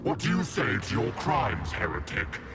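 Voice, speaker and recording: An actor playing a taunting, resentful demon of envy in a video game, theatrical, sneering and commanding. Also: male voice, lowish voice, very animated, normal speed, over loud music. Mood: cold, sneering. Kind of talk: video game villain acting.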